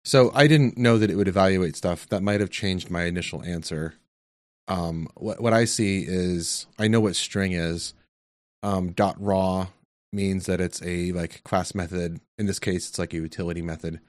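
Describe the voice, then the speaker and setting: A man answering coding quiz questions in a casual tech chat, thinking aloud with hesitant pauses and many ums. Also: deep voice, dry recording. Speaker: quiz contestant.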